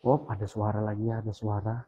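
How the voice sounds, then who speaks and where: A man hosting a ghost-hunting video, speaking in a hushed, alert way and calling out greetings to spirits. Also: lowish voice, little pitch movement, fast talker, slightly rough, dull audio. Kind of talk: live paranormal investigation commentary.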